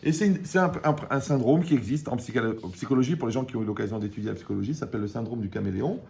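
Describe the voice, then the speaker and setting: A man giving a lively Torah class, joking and asking his audience questions. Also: mid-range voice, very fast, gravelly, a little hiss or hum. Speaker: Torah teacher.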